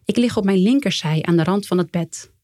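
A woman reading her own memoir aloud in a calm, measured way, quietly voicing the lines of the people in it. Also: on the low side, no room sound, studio quality. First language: Dutch. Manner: calm, measured storytelling with quiet quoted dialogue. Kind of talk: first-person memoir reading.

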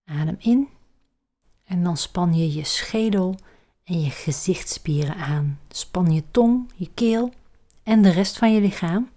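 Slow, soft-spoken woman guiding relaxation. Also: on the low side, expressive. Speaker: yoga relaxation guide. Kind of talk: guided relaxation instruction.

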